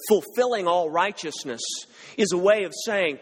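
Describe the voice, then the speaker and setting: A man's voice: sits high, moderate pace, breathy edge. A man preaching an expository sermon, emphatic and asking the congregation rhetorical questions. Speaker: pastor. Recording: reverberant hall.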